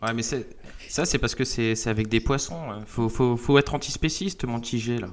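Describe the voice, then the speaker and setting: A man's voice: mid-range voice, a little fast. A man co-hosting a casual podcast, methodically keeping track of the rankings.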